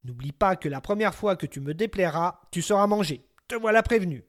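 A man voicing a huge, greedy, man-eating male giant in a storybook tale, speaking in a loud, threatening way. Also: high voice, lively intonation, fairly quick.

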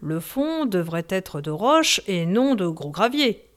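A woman voicing an old male sea pilot, grave and commanding, who speaks in firm, steady orders. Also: mid-range voice, slow pace.

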